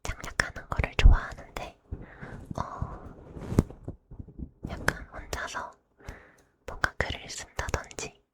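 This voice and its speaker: A woman ASMR host chatting casually to listeners in a soft, polite, breathy whisper. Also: takes it slowly, pauses often.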